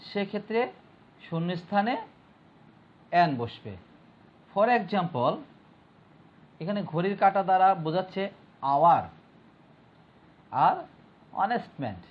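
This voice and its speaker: A male teacher giving a step-by-step grammar lesson, repeating rules and putting questions to his students. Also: high voice. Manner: explains step by step, repeats points and asks the class questions. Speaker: school teacher. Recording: dull lo-fi recording with faint mains hum.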